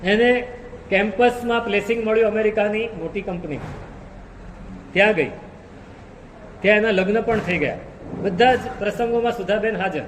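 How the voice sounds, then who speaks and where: A man with a high voice delivers a sermon, telling a long story and repeating key phrases to drive them home. His voice rings through a reverberant hall, with faint room noise behind him. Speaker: preacher.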